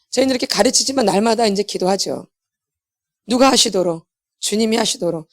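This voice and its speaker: A middle-aged woman preaching a sermon in an emphatic, blunt manner. She asks the audience questions and answers them herself, and she often repeats herself. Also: fairly high pitch. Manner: blunt and self-deprecating. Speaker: pastor's wife and healing ministry lecturer.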